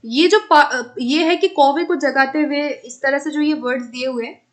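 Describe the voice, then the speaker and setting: Speaking at a moderate pace with a fairly bright, high voice, this woman leads an online class preparing students for exams. She breaks every answer down step by step, checks constantly that the class is with her, and lets English terms slip into her talk.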